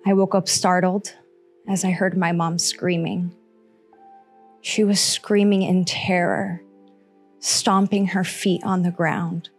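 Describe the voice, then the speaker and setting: Speaking into a handheld mic on a small stage, a woman in her 30s from Costa Rica delivers a heartfelt personal monologue to seated listeners over faint background music. Her voice sits fairly low and her delivery is flat, yet slow, earnest and punctuated by pauses.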